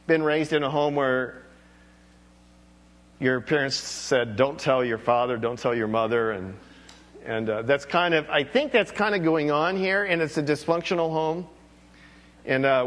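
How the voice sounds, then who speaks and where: A man's voice: fairly high pitch, measured pace, long pauses, fairly bright tone. A man preaching a sermon as pastor, talking candidly and rambling with self-deprecating asides.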